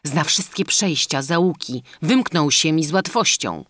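Male reader as a bluff, excitable army captain in an audiobook, raised and emphatic, dry sound. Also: a little high, measured pace, no room sound. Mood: exasperated. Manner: loud, emphatic exclamations.

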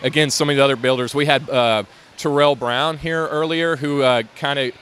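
A man's mid-range, slightly bright voice, with fairly even intonation and a moderate pace, carries a casual convention-hall interview about his LEGO build. He rambles with many fillers and restarts, and a little hiss or hum sits under the audio.

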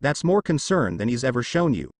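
Man reading as a mocking demon villain, taunting, lively delivery. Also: mid-range voice, a little fast, dry recording, studio quality. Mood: gloating. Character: gloating, menacing male demon.

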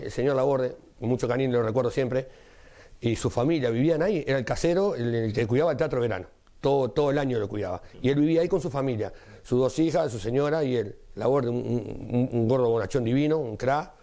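A man's voice: medium pitch, fast. A man with a Rioplatense Spanish accent, a carnival performer telling an anecdote as an interview guest and acting out each line of dialogue in changing voices. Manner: lively storyteller, acts out dialogue in shifting voices.

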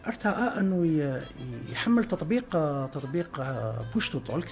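A man's voice: a little high, sing-song, brisk, over music. A man with an Algerian Arabic accent, a guest on a radio interview, explaining at length with many filler sounds and French words mixed in. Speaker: guest, traffic info page team member.

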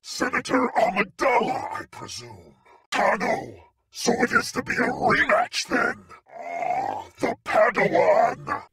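General Grievous, slow, theatrical cyborg villain. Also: male voice, very high voice, wildly swooping pitch, heavy background noise, full character voice. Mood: taunting, menacing. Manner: theatrical, taunting. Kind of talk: video game villain voice lines.

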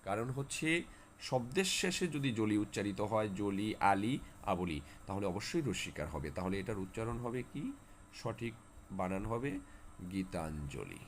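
A man's voice: lowish voice, lively intonation, normal speed, slight background noise. A man teaching students spelling rules, often repeating key words and asking then answering his own questions. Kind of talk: spelling lesson for exam students.

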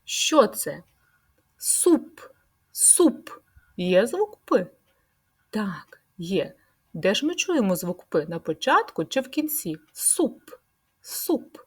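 A woman leading a speech-sound lesson for preschool children, stretching out words in a slow, sing-song way. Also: medium pitch, sing-song, husky. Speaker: preschool teacher.

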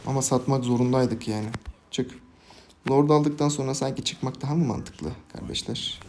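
A young man giving casual, jokey live commentary on his own game, swinging from quiet planning to loud, laughing outbursts. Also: mid-range voice, moderate pace, creaky, slight background noise. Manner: excitable, jokey, shouts and laughs at big plays. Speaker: gaming YouTuber.

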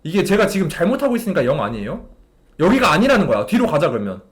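Exasperated high-voiced male game streamer. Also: wildly swooping pitch, fast talker. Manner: exasperated, talks to a game character and chat. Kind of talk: live gameplay commentary to chat.

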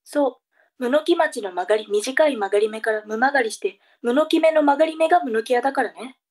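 Bossy comedy mum, acted by a woman: high voice, scolding and ordering, reading-drama delivery. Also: a little fast, a little mellow. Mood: brisk, instructing. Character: bossy, scolding mother sending children on errands. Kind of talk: comic tongue-twister reading drama.

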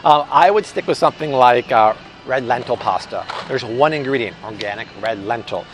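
In a large indoor supermarket aisle, a chatty, upbeat American man in his thirties casually and enthusiastically reviews a product for his vlog. His voice sits at medium pitch and normal speed; the audio quality is poor, with clear store ambience and hum.

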